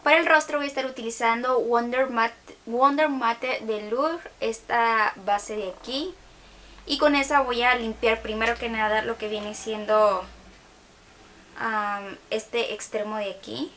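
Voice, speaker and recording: A woman's voice: fairly high pitch, fairly even intonation, a little slow, fairly bright tone, a little hiss or hum. A young woman gives a casual makeup tutorial from her bedroom, chatting along with hesitant fillers.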